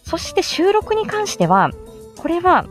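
Very high-pitched and sing-song, a woman with an androgynous voice speaks a little slowly over faint background music. In a casual live-stream way, she gives tips as an amateur voice actor on making voice samples.

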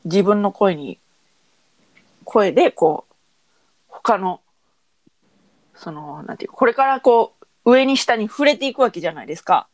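A woman with a Kansai accent co-hosting a podcast in casual chat, working through an idea with many fillers and pauses. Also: mid-range voice, expressive, no echo. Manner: thoughtful, searching for words with many fillers. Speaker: podcast co-host.

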